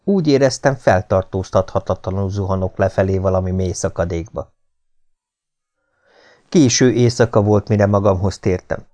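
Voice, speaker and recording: A man reading an adventure novel aloud as an audiobook in a steady, measured storytelling manner. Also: deep voice. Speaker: audiobook reader. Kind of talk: scripted narration.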